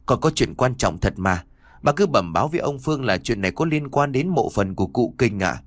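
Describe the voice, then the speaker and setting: A man's voice: mid-range voice, lively intonation, a little fast, dry recording, natural voice. Man voicing a timid ragged youth, shaky and deferential, audiobook. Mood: pleading. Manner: trembling, pleading. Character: poor frightened young man pleading.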